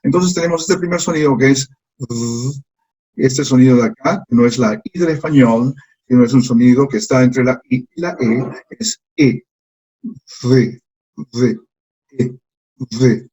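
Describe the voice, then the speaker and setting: Male language teacher, husky mid-pitched voice, patient and methodical. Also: dark tone, poor audio. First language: Spanish. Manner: slow, patient, repeats sounds for learners to copy. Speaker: English teacher. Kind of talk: slide lesson.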